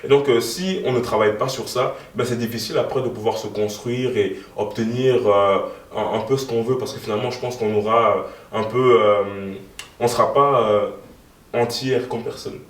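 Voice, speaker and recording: A young man in his twenties gives interview answers in a lowish voice, pausing often and filling gaps with ums. He sounds set back from the mic. The room around him is echoey. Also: steady tone, far from the mic. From moved to Belgium in 2013. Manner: hesitant, many fillers. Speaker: guest, youth party co-president.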